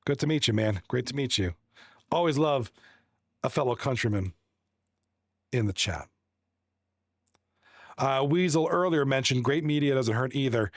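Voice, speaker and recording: At a moderate pace with frequent pauses, a medium-pitched man speaks in a studio-quality recording with no room sound. He's a Toronto esports hockey commentator on a casual livestream, friendly and rambling. He reads chat and goes through stats, restarting many times.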